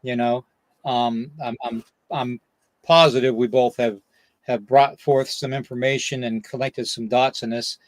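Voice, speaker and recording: An older man chats casually as a podcast host at an average male pitch. His delivery is folksy and rambling, with a slight shortness of breath. The sound is dry, with very little room. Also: steady tone, measured pace, dry recording. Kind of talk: casual chat.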